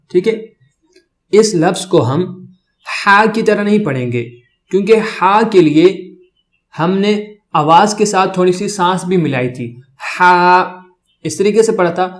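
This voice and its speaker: A man teaching the Arabic alphabet to beginners, drawing out each letter sound slowly and often checking in with his learners. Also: high-pitched, a little mellow. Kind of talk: children's reading lesson.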